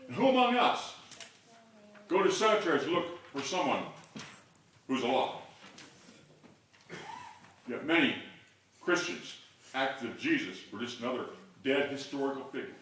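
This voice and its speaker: A man's voice: medium pitch, animated, normal speed, pauses often. Older male pastor in a big echoing church. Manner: builds to loud call-and-response shouts. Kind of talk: sermon. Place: large church sanctuary. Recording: echoey hall from far off.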